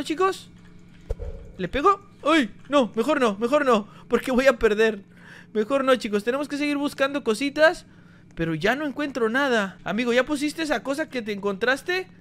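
A man giving energetic gameplay commentary, talking straight to his viewers. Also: extremely high pitch. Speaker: gaming YouTuber.

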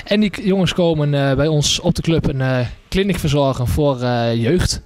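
A man's voice: a little high, normal speed, noisy background. A young man in his twenties, a hockey trainer, talking hesitantly with many fillers in a casual promo interview. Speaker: hockey trainer and event organizer. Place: small indoor café. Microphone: handheld microphone.

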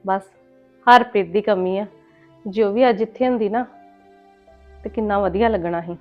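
A woman acting as an aunt in a scripted family drama, scolding and emotional, her voice rising loud when upset. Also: mid-range voice, moderate pace, lo-fi sound, soft background music.

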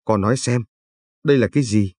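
A man's voice: medium pitch, brisk, warm tone, breathy edge, dry recording, clean studio sound, natural voice. A man reading the lines of a stern, grieving older father in a spoken story. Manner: stern, scolding.

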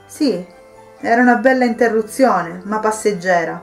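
A woman reading a Christmas story aloud as a storyteller, in a calm, measured way. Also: mid-range voice, vocal fry. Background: soft background music.

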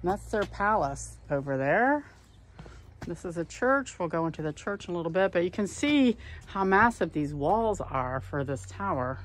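Filming as she strolls old town streets, a woman guides a walking tour in a lowish, sing-song voice at normal speed. Her narration is casual and outdoors, and she points out the sights along the way.

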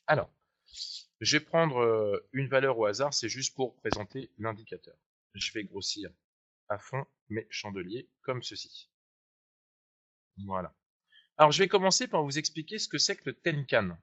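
A man's voice: mid-range voice, expressive, normal speed, long pauses, a bit bright. A man teaching a live webinar tutorial on trading charts, chatty and explanatory, asking viewers to click along. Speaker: trading software trainer. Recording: dull lo-fi sound.

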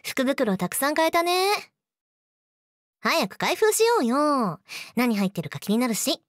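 A woman's voice: high-pitched, big pitch swings, a little slow, dry recording, clean studio sound. A woman playing a sweet but eerily obsessive, jealous young girlfriend in a teasing audio drama spoken to the listener. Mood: cheerful, sweet. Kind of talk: Japanese situation voice audio drama, addressed to the listener.

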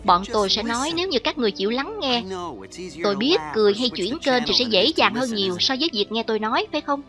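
A woman with a fairly high, lively voice talks fast as she reads a scripted voice-over translation of a cartoon, voicing every character herself over the original. The loud film soundtrack, with the cartoon's own audio and music, plays underneath.

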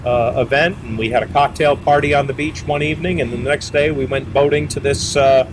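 A man's voice: mid-range voice, fairly even intonation, fairly quick. Middle-aged man rambling outdoors with noise. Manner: rambling, with many fillers and restarts. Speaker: boat manufacturer representative. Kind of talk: casual interview answers. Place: outdoors beside a boat at a marina.

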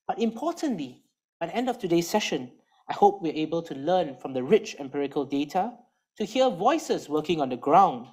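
A woman hosting an event, opening with emphatic rhetorical questions and deliberate pauses. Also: sits low, a little mellow, breathy edge. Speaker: event host.

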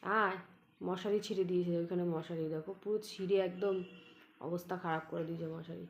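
A woman's voice: steady tone, brisk, highs cut off, a little hiss or hum. A woman filming a casual home vlog, chatting and coaxing her pet dog. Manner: coaxing, chatty, calls the dog in high tones. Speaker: pet vlogger. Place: home room.

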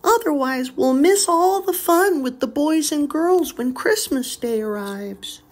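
A woman's voice: high voice, expressive, a little slow, a little mellow, pitched above the performer's own voice. A woman reading a storybook aloud and voicing a wistful little girl doll.

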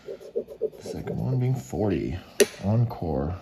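A man with a lowish, gravelly voice talks casually through a task at an unhurried pace. He often mutters to himself in short fragments, calling out single letters as he goes. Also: big pitch swings, noisy background. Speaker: host of a scratch ticket video. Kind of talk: casual running commentary on a task.

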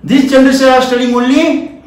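A man's voice: extremely high pitch, level tone, brisk. A man in his forties with an Indian accent, lecturing a class emphatically, asking questions and repeating key phrases. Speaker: trainer, lecturer. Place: small wood-panelled indoor training room. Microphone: camera a few feet away. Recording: very echoey room, mic at a distance.

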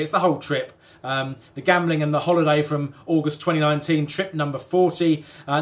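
Chatty British man narrating a countdown. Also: a little high. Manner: chatty and relaxed, many ums and uhs. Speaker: vlogger.

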